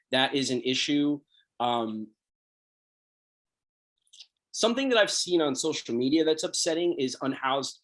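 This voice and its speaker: Male filmmaker, blunt and heated, mid-range voice, casual panel talk. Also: medium pitch. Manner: blunt, passionate, repeats words.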